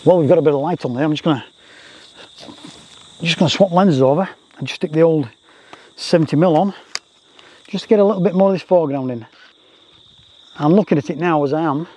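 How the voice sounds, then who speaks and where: Mellow man rambling outdoors. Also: fairly high pitch, fairly quick, long pauses. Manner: chatty, self-deprecating, repeats phrases. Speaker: landscape photographer, vlogger. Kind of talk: casual rambling vlog commentary. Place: outdoors on a grassy rural roadside. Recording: faint outdoor noise with insects.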